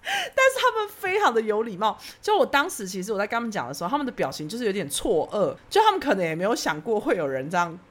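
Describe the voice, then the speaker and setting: Lively fast-talking woman telling a story. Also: mid-range voice. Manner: animated storytelling, acting out her own past lines. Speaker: podcast host telling a story. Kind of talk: casual chat.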